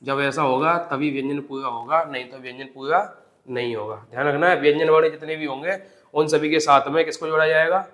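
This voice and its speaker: A man's voice: on the high side, fairly even intonation, fairly quick, a bit bright. A young man teaching an exam-prep grammar lesson, repeating key points and asking and answering his own questions.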